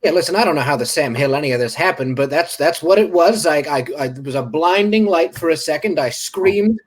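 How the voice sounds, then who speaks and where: A guest on an improv comedy bit plays a bewildered Civil War doctor, stammering and rambling in old-fashioned bluster. His voice sits on the high side, brisk with lively intonation.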